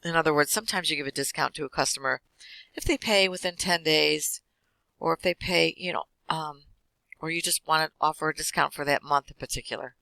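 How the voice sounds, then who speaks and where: A man teaching an accounting class, walking through lecture slides quickly with casual fillers. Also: on the high side, creaky, bright, forceful tone, dry recording, rough recording. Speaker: accounting instructor.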